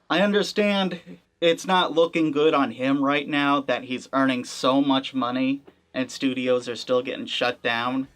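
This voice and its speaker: A gaming channel host delivers casual commentary, talking through a topic in a conversational, wry manner and hedging a lot with fillers. His voice is mid-range with a fairly bright tone.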